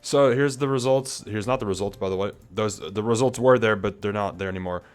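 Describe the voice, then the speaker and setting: A man's voice: fairly low pitch, brisk, a little mellow, smooth. A man talking as a YouTuber reviewing a gaming event, slightly out of breath, rambling casually with lots of fillers and restarts. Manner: loose, chatty, full of fillers and restarts.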